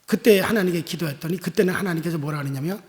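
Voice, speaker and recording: A man's voice: a little high, fast talker. Man preaching in a reverberant church. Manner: emphatic preaching with rhetorical asides. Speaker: pastor. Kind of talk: sermon. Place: church sanctuary.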